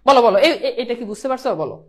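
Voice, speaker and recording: A woman's voice: on the high side, expressive, very fast. A woman teaching a pronunciation lesson, repeating herself and coaxing students to say whether they understand. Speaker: Bangla teacher.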